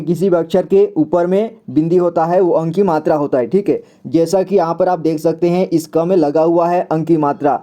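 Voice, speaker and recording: High-voiced man teaching reading slowly. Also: dark tone. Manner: repeats syllables slowly, says "ठीक है" often. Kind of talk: slow explanatory lesson.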